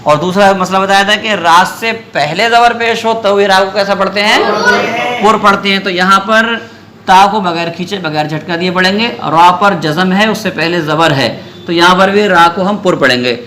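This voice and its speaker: A man teaching Quran recitation to a class. He keeps quizzing the students, repeats their answers back, and slowly stretches out syllables when he demonstrates. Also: high-pitched, bright, forceful tone. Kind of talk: classroom lesson with call-and-response.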